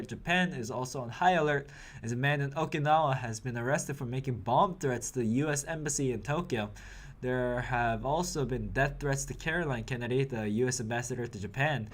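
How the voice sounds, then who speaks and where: A young man reads the news in a mid-pitched voice. He mixes scripted reports with wry, editorial comments of his own, delivered like an anchor of a small online show. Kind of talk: news report with personal asides.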